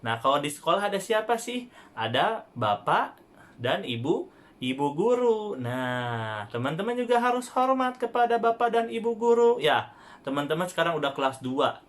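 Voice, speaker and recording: A young man, a primary school religion teacher, giving a gentle online lesson to young children with frequent questions to the class. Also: high voice, very animated, normal speed. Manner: gentle, patient, addressing kids directly with frequent rhetorical questions.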